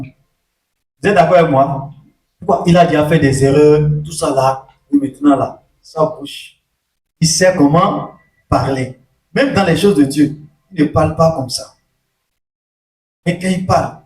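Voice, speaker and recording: A man preaching a sermon, calling out "alléluia" often and asking the congregation questions, switching between quiet asides and sudden shouted emphasis. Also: high voice, far from the mic. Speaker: pastor. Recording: echoey room, voice off-mic.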